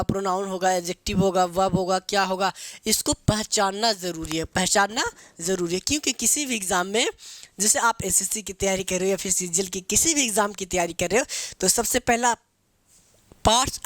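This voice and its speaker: A man's voice: high-pitched, fairly bright tone. A man leads an English grammar lesson as a repetitive drill, throwing questions to the class and answering them himself. He spells out words one letter at a time and calls his students "babu" and "beta." His voice sounds dry and close, with no room echo. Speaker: English teacher.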